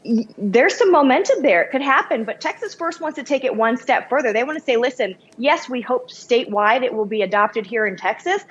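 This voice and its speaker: A woman files a scripted news report in a brisk, upbeat way. Her voice sits fairly high, and the recording sounds a little muffled and lo-fi. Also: lively intonation. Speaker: news correspondent.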